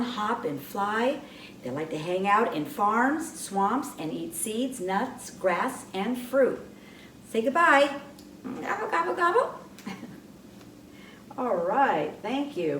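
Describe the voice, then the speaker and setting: A woman presents birds to young children in a gentle, unhurried sing-song, chatting with her bird puppets. Her pitch swoops up and down as she talks. She sounds set back from the mic in a roomy space, with a faint hum behind her. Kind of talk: children's educational talk. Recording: echoey room, mic far off, faint background hum.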